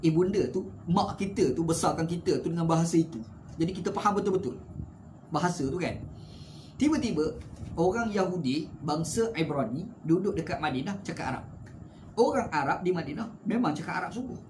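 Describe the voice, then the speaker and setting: Give me a fairly high-voiced man with a Malaysian accent, teaching scripture in a lively, conversational way. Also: brisk, noisy background. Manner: conversational, with rhetorical tag questions; animated swings in pitch and loudness. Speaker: religious teacher. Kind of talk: Quran commentary lecture.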